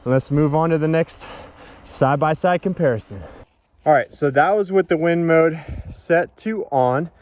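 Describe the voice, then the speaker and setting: A man's voice: on the high side, moderate pace, a little mellow. A man giving a casual, informal product demonstration in an instructional way, as a reviewer.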